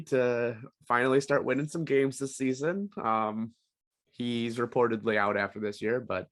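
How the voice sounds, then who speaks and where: A young man talking sports in a relaxed podcast chat, voice at an ordinary middle pitch. He fills pauses with ums and laughs easily while giving his picks. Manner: laid-back, frequent ums and laughs. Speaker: podcast co-host.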